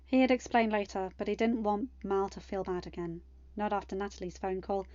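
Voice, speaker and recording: A woman with a mid-range, slightly mellow voice reads fan fiction aloud as the host of a podfic channel, speaking a little fast with fairly even intonation. The home recording is dry, close, and slightly muffled, and she closes with a chatty, excitable sign-off.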